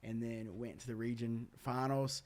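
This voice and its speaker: A man's voice: mid-range voice, flat delivery, normal speed, a little mellow. A young man hosting a podcast, telling his story candidly with lots of "uh" and "man". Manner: earnest, candid, loose talk full of "uh", "man", "dude". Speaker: podcast host.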